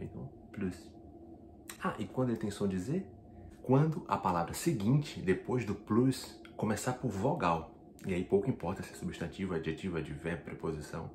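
A man with a lowish voice gives a relaxed video lesson, walking through rules one step at a time and slowing right down for each example. The room is echoey, with a faint hiss underneath. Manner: explains step by step, slows down for French examples. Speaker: French teacher.

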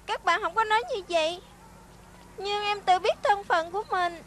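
A shy, self-doubting young schoolgirl in a dubbed TV drama. Her voice sits very high and sounds small and glum. Soft music plays under the scene. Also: fairly even intonation, moderate pace, slight background noise. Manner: glum, then teasing. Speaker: dub actor. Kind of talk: Vietnamese dub of a TV drama.

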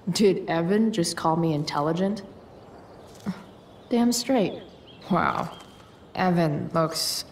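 A guarded, rebellious teenage girl in a video game. Her voice is slightly low and very unhurried. She is sarcastic and slangy, over faint outdoor-like ambience. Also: gravelly, slight background noise, heavily acted. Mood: mocking. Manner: dry, slangy, hesitant.

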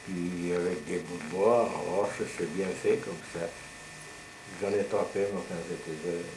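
Grandpa voice, elderly man, low pitch, colloquial rambling reminiscence, noisy home camcorder recording. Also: fairly even intonation, moderate pace, reverberant. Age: elderly, 70s or older. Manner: grandpa voice: old man's rambling, colloquial storytelling. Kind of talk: casual reminiscing and storytelling. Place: living room at home. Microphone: camcorder microphone across the table.

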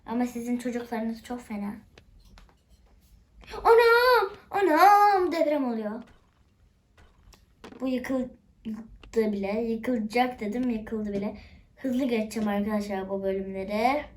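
A woman's voice: on the high side, fairly even intonation, normal speed, long pauses, warm tone. A woman hosting a channel, chatting to viewers with frequent exclamations as she plays a game. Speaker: gamer, channel host. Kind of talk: excited game commentary. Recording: faint background noise and clicks.

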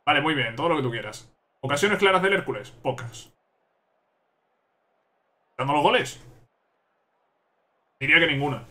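A man's voice: fairly high pitch, animated, moderate pace, long pauses, bright, forceful tone. Exasperated young man ranting at a game. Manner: exasperated, repeats himself, rants at the game. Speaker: gaming YouTuber. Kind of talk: live gameplay commentary.

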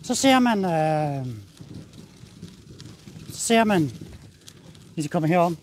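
Danish male dog trainer, high-pitched, blunt and casual, outdoor walk-and-talk demo, faint background noise. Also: animated. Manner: blunt, casual, addresses viewers while walking the dog.

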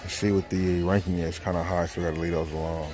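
A man's voice: sits low, flat delivery, quick pace, music in the background. A man in his thirties chatting casually to viewers while browsing a large store, filming on a handheld phone. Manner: casual, chatty, thinking aloud. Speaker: reselling vlogger. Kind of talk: casual shopping vlog. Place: large retail store, indoors.

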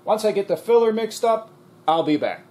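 A man's voice: sits high, lively intonation, normal speed, a little mellow, reverberant. A man narrating an auto body repair demonstration, explaining each step in a plain, practical way. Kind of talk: voice-over narration of a shop demonstration.

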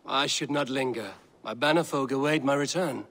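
An actor playing a loyal, resolute Viking clan leader in a dramatic video game scene. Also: male voice, mid-range voice, normal speed, fairly bright tone. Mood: warm farewell.

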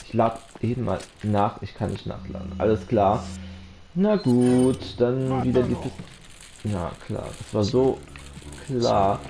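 A man's voice: medium pitch, unhurried, gravelly. A German man commenting on a horror game he is playing, talking to the characters and his viewers, easily startled and yelping into a close microphone. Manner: jumpy, yelps and shouts when startled. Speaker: let's play commentator. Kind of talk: casual gameplay commentary. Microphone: close desk microphone.

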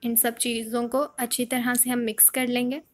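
A woman hosting a home cooking channel, calmly explaining a recipe step by step in a voice-over. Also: a little high, normal speed. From Pakistan. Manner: calm step-by-step instruction.

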